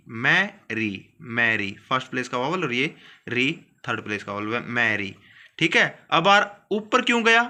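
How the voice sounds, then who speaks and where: A man teaching a steno class, explaining rules step by step and repeating words slowly. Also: mid-range voice, pushed and bright.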